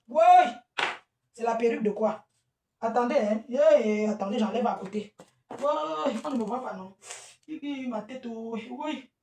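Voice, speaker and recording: A woman, an event organizer, ranting combatively on a livestream and breaking into laughing asides. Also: on the high side. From Cameroon. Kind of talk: livestream rant. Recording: echoey room, distant from mic.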